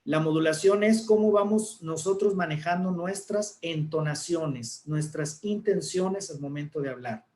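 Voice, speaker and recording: A man, an announcer, explaining speaking techniques in a relaxed talk and demonstrating intonations. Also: a little high, unhurried, few pauses, echoey room. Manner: didactic, demonstrates intonations with examples. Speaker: guest speaker, announcer and communicator.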